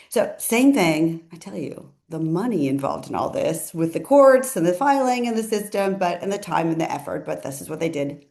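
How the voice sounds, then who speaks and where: A woman's voice: mid-range voice, gravelly, a little mellow. A woman attorney giving casual legal commentary in a chatty way, often correcting herself and adding asides.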